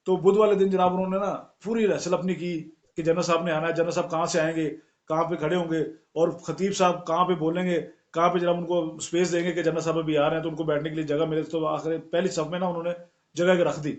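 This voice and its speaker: A man's voice: fairly high pitch, quick pace, echoey room, lo-fi sound. A man, a former soldier, telling army anecdotes in conversation and acting out the people he quotes. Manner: animated storyteller acting out quoted voices. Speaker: guest, retired soldier.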